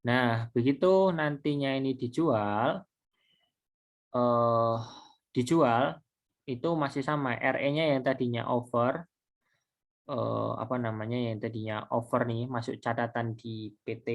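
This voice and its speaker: Halting and repetitive, the medium-pitched accounting lecturer talks through his material step by step in a loose, recorded tutorial. He keeps circling back over what he has said and puts questions to himself along the way.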